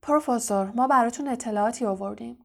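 A woman's voice: on the high side, creaky, a little mellow. Harry Potter, an indignant boy wizard, read by a woman. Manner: earnest and accusing.

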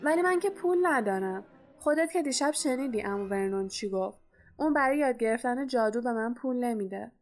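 A woman's voice: fairly high pitch, soft background music. Woman voicing an eager young boy wizard. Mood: urgent. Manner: excited, questioning.

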